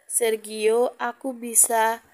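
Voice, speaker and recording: A woman's voice: a little high, flat delivery, slow pace, darkish tone. A woman voicing a guilty, hesitant young woman. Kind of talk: audiobook story reading.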